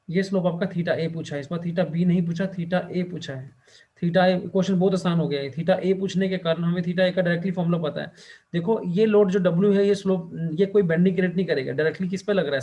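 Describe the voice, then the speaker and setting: A male teacher lecturing a class, who keeps asking the students questions and fills his pauses with the same short check-in phrase. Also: sits high, lo-fi sound. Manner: quizzes students and fills pauses with "theek hai".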